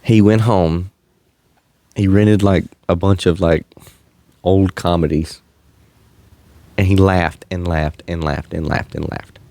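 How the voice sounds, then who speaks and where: A man's voice: sits low, fairly even intonation, slow, long pauses, dark tone, no echo. A man hosting a faith-based podcast, talking in an earnest, slightly preachy way and chuckling often. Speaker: podcast host. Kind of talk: faith-based casual chat.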